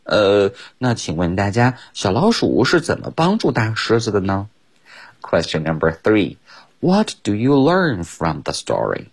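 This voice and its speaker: A male radio teacher reads a children's story to young listeners. His slightly husky voice sits low and swoops up and down. He takes his time over every line. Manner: slow, expressive storytelling with exaggerated pitch swings. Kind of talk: bilingual storybook reading lesson. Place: radio studio.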